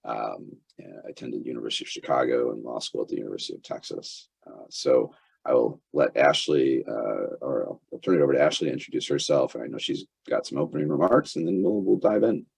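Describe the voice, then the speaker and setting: A congested employment lawyer in his fifties, still recovering from illness, hosts a webinar through a computer mic on a camera-off video call. His rumbling low voice is creaky, slightly mellow, and breathy, the recording dry, and he speaks haltingly with many fillers and restarts.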